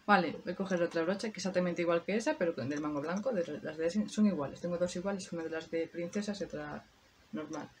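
A woman's voice: lowish voice, quick pace, darkish tone, a little hiss or hum. A woman talking viewers through a makeup tutorial in a chatty way, thinking aloud as she works. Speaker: beauty vlogger. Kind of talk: casual makeup tutorial chat.

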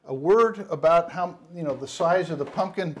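There's slight background noise as a man in his fifties, owner of a spice shop, talks at a moderate pace in a voice on the high side. He's doing a casual, rambling cooking demonstration on a lapel mic in an indoor studio kitchen set, with many fillers and restarts.

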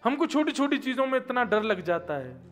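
Very high-pitched and very animated, a man talks a little fast in a bright voice with faint music behind him. Seated at a lectern at a religious event, he delivers a conversational devotional discourse, raising rhetorical questions, answering them, and telling anecdotes into gooseneck podium microphones.

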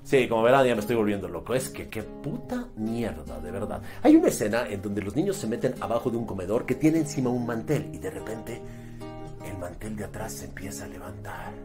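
A man's voice: fairly low pitch, animated, fairly quick, darkish tone, faint music behind. A man with a Mexican accent giving a mocking, exasperated movie review, swearing freely. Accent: Mexican Spanish. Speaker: film critic. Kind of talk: sarcastic movie review rant.

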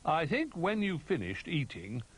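A man voicing a gentle, encouraging old male teddy bear in a storybook. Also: fairly high pitch, huge pitch swings, measured pace, breathy edge, voice pushed up, exaggerated voice. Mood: kindly.

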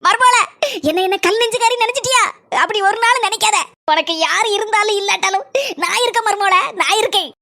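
A very high, bright old village mother-in-law, put on by a woman for a cartoon. She speaks with a Kanyakumari Tamil accent, scolding one moment and melodramatically doting the next. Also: fast, no echo, clean studio sound, heavily acted. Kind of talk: cartoon voice acting.

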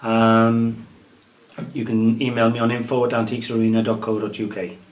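A man from Wales in his thirties, an antiques dealer and channel host, gives a relaxed show-and-tell vlog from his dining room about things he picked up at market, his tips dotted with "um" and "guys." He speaks at a normal speed in a mid-range, monotone voice.

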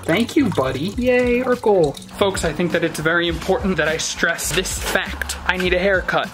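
A young man hosting his own turtle vlog, excitable and self-mocking, yelping whenever his turtles bite. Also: high-pitched. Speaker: turtle-keeping video creator. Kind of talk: casual vlog talk.

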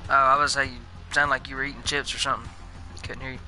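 A man's voice: medium pitch, flat delivery, fast talker, pushed and bright. A young man chatting while gaming, laid-back and teasing his friends. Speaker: gamer. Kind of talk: casual gaming chat. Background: faint game music.

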